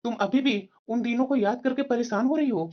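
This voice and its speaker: A performer voicing a kind, newly married young husband in a cartoon story, gentle and reassuring. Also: medium pitch, a little fast, lo-fi sound, lightly acted.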